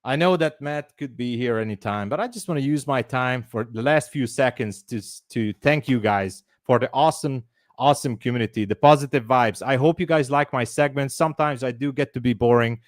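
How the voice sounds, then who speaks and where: A Hungarian man with a Hungarian accent hosts a live trading stream, chatting casually and reading viewers' names aloud. His voice sits in a middle pitch. The sound is close and dry, with no room to it. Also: a little fast, dry recording. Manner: chatty, upbeat, reads chat aloud. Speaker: livestream trading host.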